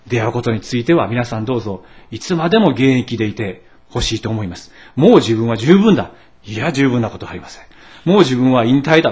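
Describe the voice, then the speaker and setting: A middle-aged Japanese man preaching a sermon as pastor, telling stories with asides and asking the congregation questions. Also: medium pitch. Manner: animated storytelling with asides and rhetorical questions.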